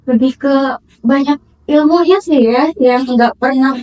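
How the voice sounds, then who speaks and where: Young woman trainee, high voice. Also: unhurried, a little mellow, recorded from a distance. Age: 20s. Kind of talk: casual interview answers.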